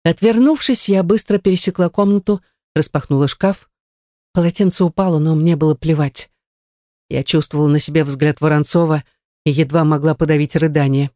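A woman's voice: deep voice, a little fast, warm tone, no echo, clean studio sound. A woman narrating a first-person audiobook in an emotional, intense way.

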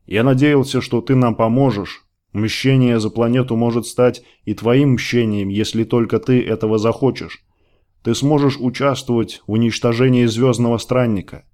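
A man's voice: mid-range voice, steady tone, normal speed, a little mellow, close to an everyday voice. A man voicing an earnest young idealist fighter who pleads and promises, in an audiobook reading. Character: young idealistic male rebel, earnest and in love.

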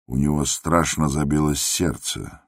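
A man reading classic prose aloud in a measured, even storytelling manner. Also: a bass voice, dry recording, studio quality. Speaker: audiobook reader. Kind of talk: scripted narration of classic prose.

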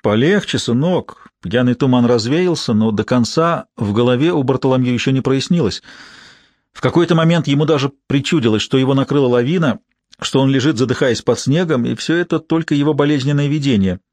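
Male audiobook narrator, measured delivery, middle pitch, dry booth sound. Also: a little mellow, no room sound. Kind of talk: scripted narration.

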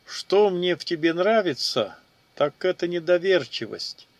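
A man's voice: a little high, animated, moderate pace, dry recording. A man doing a mocking battle mage. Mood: casual. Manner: dry, mocking. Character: cool, mocking male battle mage, commander.

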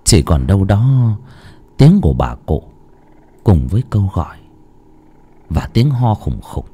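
Expressive low-voiced male horror narrator. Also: unhurried, breathy edge. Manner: expressive, sweeping pitch. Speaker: storyteller.

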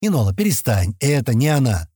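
A man's voice: mid-range voice, big pitch swings, brisk, mellow, husky, no room sound, studio quality. A man playing a sly boastful spacefarer. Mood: wary.

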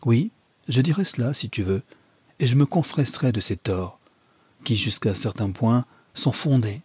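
A man's voice: lively intonation, normal speed, a little mellow, breathy edge, no echo. A man voicing an unhappy young wife who pleads earnestly with her husband in a read novel. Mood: pleading. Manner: earnest, rising in pitch when pressed.

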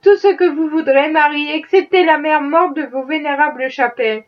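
A woman reading a novel aloud, voicing an ironic wealthy gentleman who is a worldly skeptic, with a dry, mocking manner. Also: sits high, steady tone, moderate pace, recorded from a distance, muffled recording, lightly acted. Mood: wry. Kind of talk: audiobook reading.

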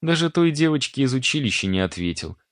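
A man's voice: medium pitch, sing-song, fast talker, no echo, studio quality, pitched above the performer's own voice, natural voice. A man voicing a young woman who scolds and teases a friend. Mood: scolding. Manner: scolding, teasing. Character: snorting teasing young woman.

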